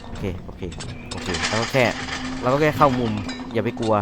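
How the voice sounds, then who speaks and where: A man's voice: mid-range voice, fairly quick, very noisy. A man playing a horror game, chatting to himself in casual commentary, jumpy and swearing when startled. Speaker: let's-play gamer.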